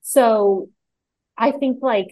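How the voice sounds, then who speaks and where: A woman's voice: on the high side, extremely slow, darkish tone, no echo. A young woman co-hosting a podcast in casual chat, rambling and filling her talk with "like". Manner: rambling, full of "like" fillers. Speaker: podcast co-host.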